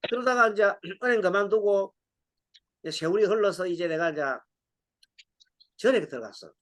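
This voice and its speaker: A man's voice: high-pitched, normal speed. A middle-aged man, a Buddhist monk, giving a Sunday dharma talk, telling stories with acted-out dialogue and frequent laughs. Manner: lively storytelling, acts out dialogue, laughs often.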